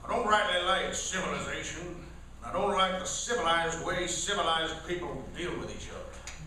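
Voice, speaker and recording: In a comic Western radio play, a man plays a folksy frontier loner, a dry-mouthed prairie cowboy with an Old West American drawl, sounding plainspoken and wry. His voice is fairly high, pushed and bright, at a normal speed, recorded on a distant mic in an echoey hall with faint noise.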